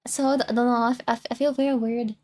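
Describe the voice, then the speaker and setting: Racing through her words, a young French VTuber reacts to a video in a slightly high, darkish voice with little pitch movement. Her casual, French-accented chat is rambling and self-conscious, with many restarts.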